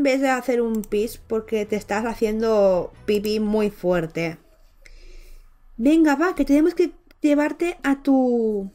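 A woman's voice: on the high side, a little mellow. A woman from giving chatty, affectionate gameplay commentary as a Let's Play host, cooing over a baby character with many exclamations.

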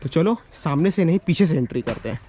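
Speaking fast and expressively in a warm, slightly high voice, a young Indian man vlogs casually as he walks village lanes and tours a cattle shed. He gives directions and explains things to viewers repetitively and instructively. His handheld camera is held at arm's length, capturing a noisy outdoor scene with ambient sound.

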